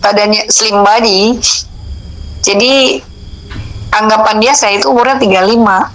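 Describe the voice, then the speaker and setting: In a poor recording, a middle-aged Indonesian woman aged 45 or older speaks in a medium pitch at a measured pace. A religious counsellor being interviewed, she animatedly retells a personal story, acting out the dialogue in informal speech.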